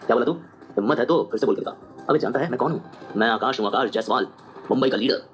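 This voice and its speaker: A man's voice: mid-range voice, fast, muffled recording, faint music behind, close to an everyday voice. A man voicing a spoiled, arrogant young heir in an audio drama, who blusters with a raised voice. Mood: boastful threatening. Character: arrogant rich young man, panicked and begging.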